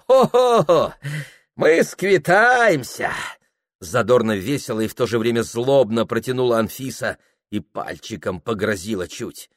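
A man narrating a literary audiobook in a measured, expressive way. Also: fairly low pitch, dry recording, clean studio sound.

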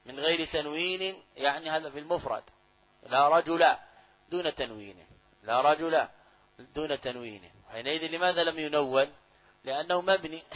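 A man's voice: a little high, fairly bright tone, low-quality recording. A middle-aged man giving a classroom lecture on grammar, repeating key phrases and asking and answering his own questions. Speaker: Islamic grammar teacher.

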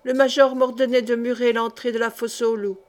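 Earnest young officer, proud and sincere, read by a woman in an audiobook, a bit high. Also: level tone, a little fast, natural voice.

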